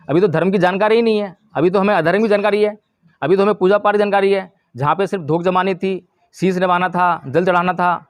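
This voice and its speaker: Male preacher, high voice, dry sound. Lectures a village crowd and answers his own questions. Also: no room sound. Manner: asks the listeners questions and answers them himself. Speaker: Buddhist preacher. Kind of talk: dhamma talk to a village gathering.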